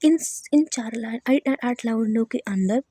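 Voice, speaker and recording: A woman's voice: a little high, unhurried, warm tone, slightly rough, no echo. Woman teaching a literature lesson. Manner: checks in with listeners often, repeats key terms.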